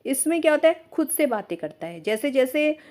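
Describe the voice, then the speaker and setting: A woman teacher with a fairly high voice explains a lesson step by step. She asks and answers her own questions, mixing terms into her talk. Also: very animated, a little fast, a little mellow. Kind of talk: exam-prep lecture.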